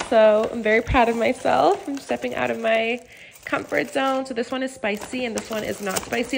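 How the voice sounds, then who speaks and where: A woman's voice: a little high, creaky, a bit bright. A young woman chatting casually to her handheld camera in a vlog, bubbly and gushing, full of "like" and "obsessed". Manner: bubbly, gushing, filler-heavy. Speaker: vlogger. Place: car and shops, indoors. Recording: echoey room with faint ambient noise.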